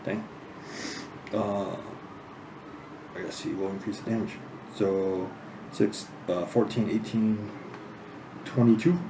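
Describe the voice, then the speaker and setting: A man running a tabletop game, narrating slowly with pauses and fillers. His voice sits a bit low. The room is echoey, with noticeable noise behind him. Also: steady tone. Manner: slow, halting narration with fillers. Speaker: game master.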